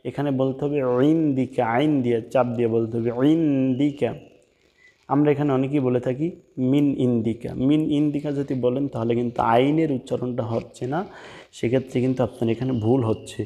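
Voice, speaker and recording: A man with a Bangladeshi Bengali accent giving a pronunciation lesson, explaining slowly and drawing out chanted words. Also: mid-range voice, fairly even intonation, warm tone, in a large hall. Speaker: Quran recitation teacher. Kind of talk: pronunciation lesson with slow drawn-out recitation.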